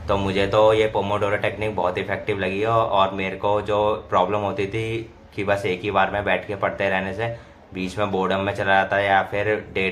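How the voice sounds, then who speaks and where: Low flat-voiced young man. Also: slight background noise. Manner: explains step by step, Hindi mixed with English words. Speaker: student vlogger. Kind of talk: casual study vlog narration. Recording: voice-over with clear background music.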